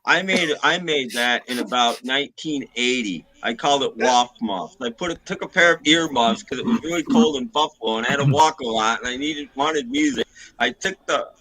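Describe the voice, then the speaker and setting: A man's voice: mid-range voice, animated, normal speed, pushed and bright, poor audio. A man in a casual chat who jokes and laughs through his stories.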